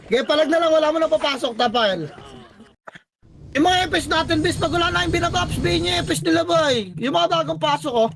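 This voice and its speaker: High-voiced man barking game calls. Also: gravelly. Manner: barking rapid commands, counting down, swearing. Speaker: squad leader calling shots. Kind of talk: live team voice chat during a shooter match.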